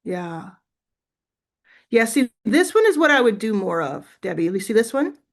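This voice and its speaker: This host, high-pitched and very animated at a moderate pace, runs a casual business-coaching livestream. She's chatty and encouraging, giving feedback while thinking aloud.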